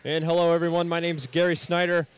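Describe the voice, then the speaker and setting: Opening a college basketball pregame show, a US play-by-play announcer welcomes listeners from a script and runs through stats, dropping in some fillers. He talks fast in a fairly high, level voice, with a little hiss or hum in the audio.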